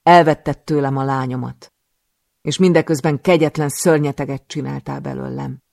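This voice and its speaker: A man reading an audiobook, voicing a furious, vengeful young female assassin who shouts in raw anger. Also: mid-range voice, fairly even intonation, vocal fry, no echo, studio quality, natural voice.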